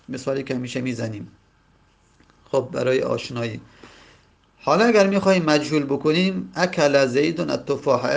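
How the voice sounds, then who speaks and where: Persian-accented guy lecturing on grammar, gravelly voice, goes over everything twice. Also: medium pitch. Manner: explains step by step, repeats and paraphrases. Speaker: teacher.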